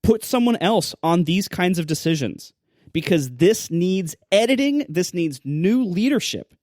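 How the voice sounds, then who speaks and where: A man's voice: sits high, expressive, unhurried, darkish tone, no room sound, studio quality. A man co-hosting a casual podcast, ranting with exasperation, full of fillers and short laughs. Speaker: podcast co-host. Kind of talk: casual tech podcast chat.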